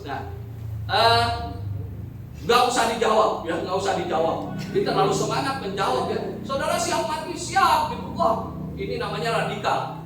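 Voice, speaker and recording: A pastor preaching a sermon in a church, joking and asking the congregation questions. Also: male voice, high-pitched, fairly bright tone, slight background noise. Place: church hall. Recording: very echoey hall, from a distance.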